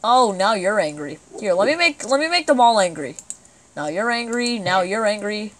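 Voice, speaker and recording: A woman giving let's play commentary as she plays, excitable and breaking into sudden exclamations. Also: mid-range voice, normal speed. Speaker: gamer.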